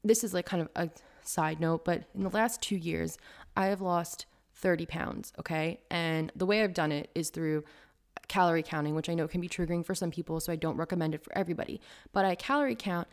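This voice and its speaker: A young woman who is a vegan food blogger, chatting casually to camera in an animated, ranting way full of "like" fillers. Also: on the low side, a little fast.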